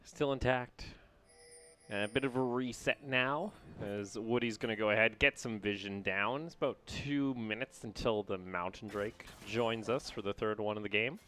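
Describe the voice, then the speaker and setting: A man's voice: fairly low pitch, moderate pace, sharp tone, a little hiss or hum. A young man casting a live esports match, chatting casually with his co-caster.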